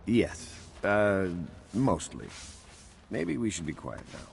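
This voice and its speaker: A guarded guardian indulging a child in a video game. His creaky voice moves with lively pitch, over some noise. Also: slow pace, full character voice. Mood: guarded, indulgent. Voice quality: low, creaky.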